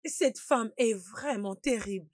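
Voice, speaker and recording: A woman's voice: on the high side, takes it slowly, dry recording, clean studio sound. An actress dubbing a young woman who is upset and pleading. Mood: distressed. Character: distressed young woman betrayed by her lover. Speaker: young woman in a troubled love affair. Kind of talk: French dub of a film.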